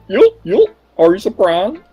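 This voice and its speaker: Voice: mid-range voice, wildly swooping pitch, slow, mellow, husky, faint music behind, pitched above the performer's own voice, heavily acted. A player reading aloud the lines of a cheerful teenage girl club president from a visual novel. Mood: musing.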